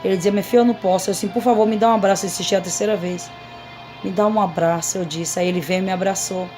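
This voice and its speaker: A woman's voice: medium pitch, fairly even intonation, racing, darkish tone, faint music behind. A woman missionary, giving an earnest, repetitive testimony to a congregation. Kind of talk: emotional testimony sermon.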